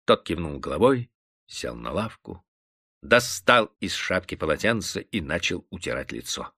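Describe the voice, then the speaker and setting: A man narrating classic prose in an expressive, dramatic reading. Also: lowish voice, no echo, clean studio sound. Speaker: audiobook narrator.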